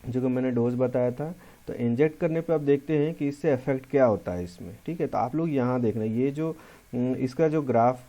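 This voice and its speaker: Male pharmacy lecturer, Hindi accent, very dark mellow tone, patient explanatory delivery. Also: mid-range voice. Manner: explanatory, repeats key terms, mixes English terms into Hindi. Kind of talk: classroom lecture walkthrough.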